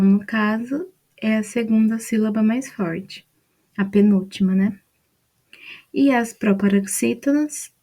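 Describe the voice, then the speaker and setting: A Brazilian woman explains grammar one point at a time, often checking in with a quick "né?". Her voice is mellow and relaxed, sitting at a middle pitch. She keeps an unhurried, patient teaching rhythm. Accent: Brazilian Portuguese. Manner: patient, step-by-step explaining with "né?" and "então". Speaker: student presenting a study mind map. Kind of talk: explaining grammar from a mind map.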